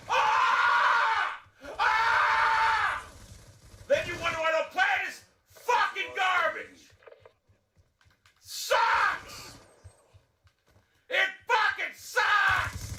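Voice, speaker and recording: A man in a full gamer rage, screaming and cursing at his game. His voice is extremely high and harsh-bright, with slow, drawn-out yells. It sounds like a noisy, echoey room. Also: distant mic. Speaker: gaming video creator. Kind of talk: raging gamer rant.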